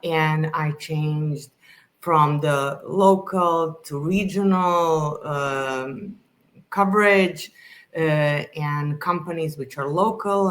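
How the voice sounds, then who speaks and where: Low-voiced woman. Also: fairly bright tone. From Serbia. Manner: earnest, searches for words with frequent restarts. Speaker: podcast guest. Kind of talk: casual interview conversation.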